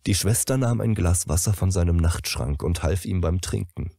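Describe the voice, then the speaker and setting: A man reading a story aloud in an expressive storytelling manner. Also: low-pitched, moderate pace, creaky, no echo, clean studio sound. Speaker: narrator.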